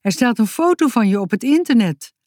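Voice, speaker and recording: A woman voicing a lively, brave young girl in a read-aloud storybook. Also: fairly high pitch, brisk, no room sound, studio quality, voice pushed up, close to an everyday voice. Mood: urgent.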